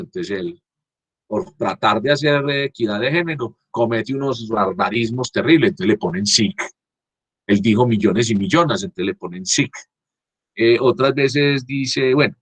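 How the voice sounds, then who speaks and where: A man giving a class lecture over a video call. He talks haltingly, restarts often, and keeps checking that students follow. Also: medium pitch, no echo. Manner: halting, frequent restarts, checks understanding with "¿cierto?". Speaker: university teacher. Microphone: computer mic on a video call.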